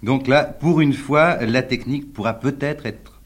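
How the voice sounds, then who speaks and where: Brief: male interviewer, courteous and measured, mid-pitched, archival radio. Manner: polite, measured questioning.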